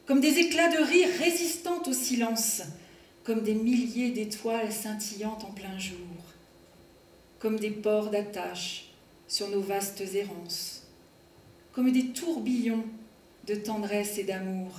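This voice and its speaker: A woman performing poems in a slow, expressive recitation, sometimes singing them, at an evening event. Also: mid-range voice, slight background noise. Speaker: poetry performer. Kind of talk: poetry recital with piano. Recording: echoey hall from far off, piano behind.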